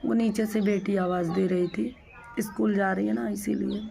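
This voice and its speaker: A woman's voice: mid-range voice, fairly even intonation, normal speed, gravelly, dark tone. A young adult woman casually telling her viewers a personal family story, in a plain, repetitive way with many restarts. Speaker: vlogger.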